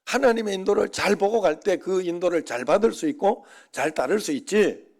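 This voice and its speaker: A man's voice: sits high, expressive, a little fast, darkish tone. A man preaching a sermon as a pastor, telling stories with acted-out quotes and prayers and building to emphatic points. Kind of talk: sermon at an overnight service.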